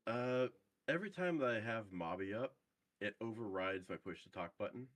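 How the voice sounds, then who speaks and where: A young man chatting casually over group voice chat while gaming, hesitant and halting with lots of fillers. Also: on the low side, lively intonation, fairly bright tone, dry recording. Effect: heard over group voice chat.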